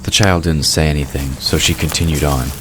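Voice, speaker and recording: His pitch is extremely low and his tone steady as he narrates a fantasy audio drama in the third person from a script, moving a little fast. Night crickets are clearly audible in the background.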